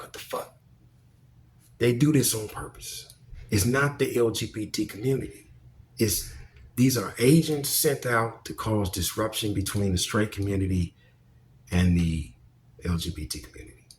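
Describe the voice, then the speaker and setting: A low-voiced man vlogs his opinions casually, speaking bluntly and with emphasis, and swearing plenty. There's slight background noise.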